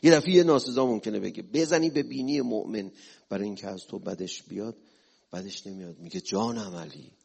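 A man's voice: fairly low pitch, creaky, darkish tone, slightly rough. A man preaching a religious sermon, retelling stories with emotional, exclamatory delivery. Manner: emotional, exclamatory, rising and falling.

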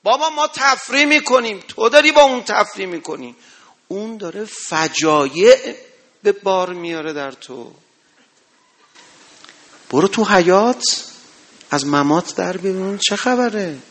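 Impassioned high-voiced Iranian preacher. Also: male voice, animated, long pauses. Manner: impassioned, rising to loud exhortations then dropping low. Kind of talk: religious sermon.

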